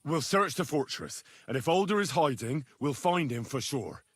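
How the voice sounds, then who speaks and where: An actor playing a level-headed medieval nobleman in a video game, husky, earnest and measured. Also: a little high, lively intonation, dry recording. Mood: firm restraint. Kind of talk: dramatic video game acting.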